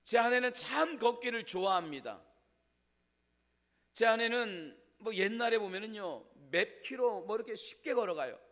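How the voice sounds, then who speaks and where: A man preaching a sermon as pastor, telling stories and dropping to a hush for the words of God. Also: sits high, animated, normal speed. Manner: storytelling with a quiet, hushed delivery for God's words. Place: church sanctuary. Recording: long church-hall reverb.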